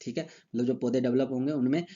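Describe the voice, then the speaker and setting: A man giving a horticulture lecture in a casual explaining manner. He reads English phrases slowly, then explains them in Hindi with many fillers, speaking English with an Indian accent. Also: medium pitch, fairly even intonation, warm tone, lo-fi sound. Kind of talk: recorded university lecture.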